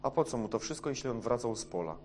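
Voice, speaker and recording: A man preaching a sermon, hesitant with many fillers, dropping to a hush and then rising loud. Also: mid-range voice, expressive, fast, noisy background.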